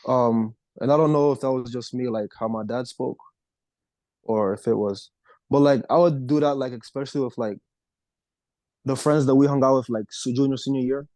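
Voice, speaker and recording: A young American man co-hosts a podcast, chatting casually and rambling with lots of fillers. His voice is medium-pitched, steady and darkish, at normal speed, with no room sound.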